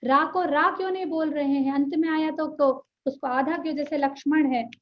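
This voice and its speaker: A woman teaching a language class online. She talks earnestly, checks in often with her students and draws out sounds slowly to show how they are said. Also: high voice, fairly even intonation, highs cut off, slight background noise. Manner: earnest, checks in often with "ठीक है", drawn-out pronunciation demonstrations. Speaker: Sanskrit teacher.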